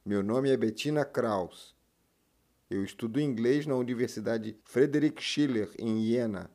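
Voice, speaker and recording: A man's voice: medium pitch, measured pace, mellow. A man in a language course who reads a plain translation after each phrase.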